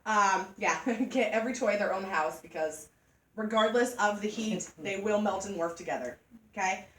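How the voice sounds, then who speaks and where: A woman giving a joking, animated sales demonstration to a group of women. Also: mid-range voice, normal speed. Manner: chatty, joking, animated storytelling. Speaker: party product consultant. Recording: echoey room from far off.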